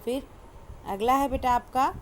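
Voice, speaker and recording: Female kindergarten teacher, slow syllable-by-syllable delivery, slightly high voice. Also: slight background noise. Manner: slow, drawn-out word-by-word pronunciation with frequent "है ना?". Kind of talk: online class lesson.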